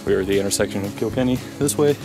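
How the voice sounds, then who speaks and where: A man's voice: lowish voice, very fast, over music. A man in his thirties vlogging a hike outdoors on a forest trail, talking casually into a handheld action camera with a chatty, thinking-aloud manner. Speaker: hiker vlogger. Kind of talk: casual trail vlog narration. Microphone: action camera on a handheld pole.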